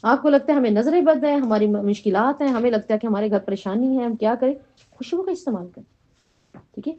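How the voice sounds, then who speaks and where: A middle-aged woman teaching a Quran lesson to a class, often asking questions and checking in with "right?". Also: fairly high pitch. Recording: dull lo-fi recording.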